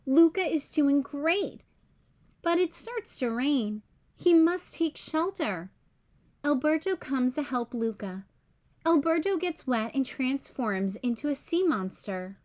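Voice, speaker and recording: A high-voiced woman narrates a children's picture book at a slow pace. She reads like a storyteller, simply, clearly and expressively.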